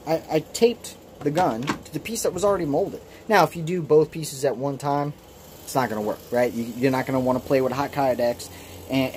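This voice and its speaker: Man, late twenties, casual workshop vlog, rambling, restarts often, average pitch, phone recording, light noise behind. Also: darkish tone. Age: late 20s. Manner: rambling, self-deprecating, many restarts and ums. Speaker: hobby kydex holster maker. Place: small home workshop shed. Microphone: phone camera.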